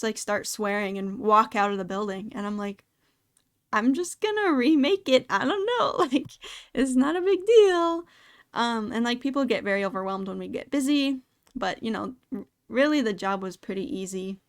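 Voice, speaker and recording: A young woman hosting a casual podcast, rambling with lots of fillers and quick asides. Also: medium pitch, fairly bright tone, smooth. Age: young adult. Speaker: podcast host. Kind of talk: casual chat. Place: home streaming setup. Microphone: desktop streaming mic.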